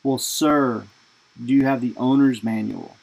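A man's voice: mid-range voice, steady tone, unhurried, creaky, darkish tone, low-quality recording. A man quoting a patient female store clerk in a told story, formal and hesitant. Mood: polite.

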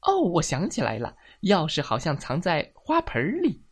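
A woman's voice: low voice, sing-song, a little slow, voice pushed up, full character voice. A woman voicing a forgetful, fussy mother hen who exclaims and frets in a storybook reading. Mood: relieved. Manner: flustered, exclaiming.

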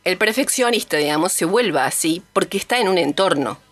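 A woman with a Rioplatense accent giving an animated, mocking comedic monologue and acting out voices. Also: fairly low pitch, brisk, soft background music. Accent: Rioplatense Spanish.

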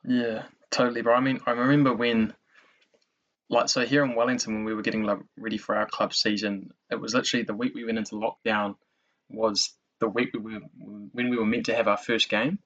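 A man's voice: on the low side, level tone, a little fast, fairly bright tone, dull audio. A young man with a broad New Zealand accent chatting casually as a podcast host, matey and slangy, saying bro and man often. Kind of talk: casual interview chat.

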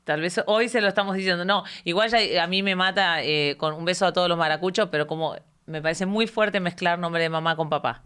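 A woman's voice: fairly low pitch, fairly quick, few pauses, fairly bright tone, clear, resonant tone. A woman from Argentina with an Argentine accent, co-hosting a casual podcast chat in a playful, teasing way. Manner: playful, teasing, voseo speech. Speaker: podcast co-host. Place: live podcast recording.

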